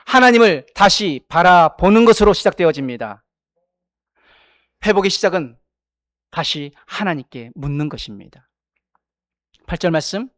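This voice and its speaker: A man's voice: high-pitched, lively intonation, moderate pace, long pauses, fairly bright tone, no echo, clean studio sound. A man preaching a sermon as pastor, speaking in repeated parallel phrases and putting questions to the congregation. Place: church sanctuary.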